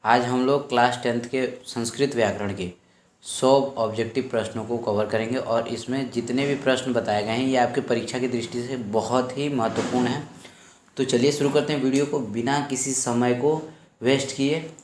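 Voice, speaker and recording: A man's voice: mid-range voice, steady tone, moderate pace, slight background noise. A male teacher going through exam questions step by step, saying each question aloud twice before he answers it. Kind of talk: exam-prep lesson. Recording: echoey room.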